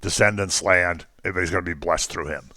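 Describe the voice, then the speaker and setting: A man's voice: deep voice, steady tone, fast talker, bright, forceful tone, dry recording, studio quality. A man teaching an informal Bible class, talking conversationally with frequent ums and jokey asides to the class.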